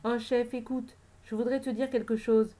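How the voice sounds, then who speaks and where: A woman's voice: a little high, little pitch movement, moderate pace, warm tone, pitched above the performer's own voice, natural voice. A hesitant young thug who stumbles over his words, read by a woman. The voice is raised a little above the plain narration. It comes from an audiobook. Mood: uneasy. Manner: hesitant, mumbling. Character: young gang member, hesitant son.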